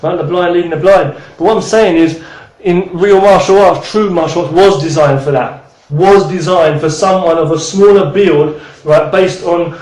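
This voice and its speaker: A man's voice: high-pitched, moderate pace, darkish tone, roomy sound, low-quality recording. A man in his thirties teaching martial arts in a rambling, casual way, swearing and then apologizing. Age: 30s.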